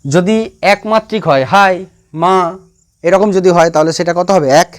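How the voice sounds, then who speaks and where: A man teaches a science lesson in a high voice, repeating each point and firing questions at his students. Crickets and insects chirp faintly behind him. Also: moderate pace, clean tone. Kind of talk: classroom lecture.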